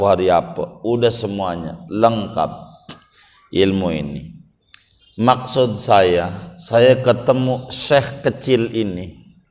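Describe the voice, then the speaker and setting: A man voicing a remorseful old robber chief who addresses his men slowly and gravely. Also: lowish voice, darkish tone, voice pushed down. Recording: long reverb of a mosque hall.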